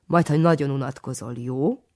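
A reader voicing a jovial village priest who gushes and exclaims in a raised, bright voice. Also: medium pitch, natural voice. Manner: gushing, keeps exclaiming. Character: jovial, effusive middle-aged village priest.

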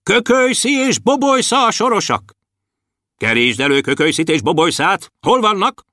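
A man's voice: on the high side, big pitch swings, no room sound, studio quality, pitched above the performer's own voice. A man voicing an anxious male dwarf guard calling out in a storybook reading. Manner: shouting, calling out.

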